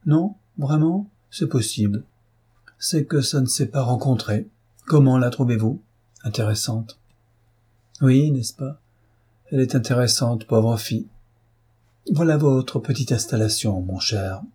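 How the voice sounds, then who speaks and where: A man's voice: medium pitch, measured pace, long pauses, dark tone, slightly rough. A man reading aloud and voicing a self-assured young marquis in light, teasing banter. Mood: breezy.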